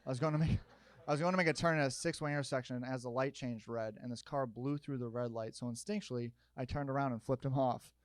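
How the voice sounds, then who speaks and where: A young man doing a stand-up comedy set, telling stories in an animated way and jumping up into loud shouted bits. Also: mid-range voice, fast. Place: comedy stage with audience.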